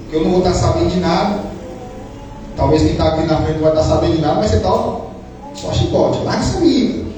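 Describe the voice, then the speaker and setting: A male pastor preaching a sermon in a church hall, fervently, with rhetorical questions and repeated phrases that drop into hushed prayer. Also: on the high side, quick pace, pauses often. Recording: echoey hall, voice from a distance, faint noise.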